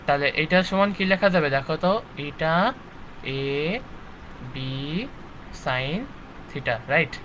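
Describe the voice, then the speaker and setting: A man's voice: a little high, takes it slowly, pauses often, fairly bright tone, slight background noise, low-quality recording. A young man teaching a live online physics lecture, checking in with his students after nearly every point. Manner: checks in constantly with "ঠিক আছে?" and "okay". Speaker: physics instructor.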